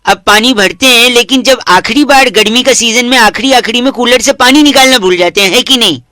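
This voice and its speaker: A man with a very high voice, deadpan and mock-earnest as he lectures absurd logic on a prank call. The sound is dry and close, with no room echo. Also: a little fast. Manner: answers only with hums to provoke. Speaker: prank caller.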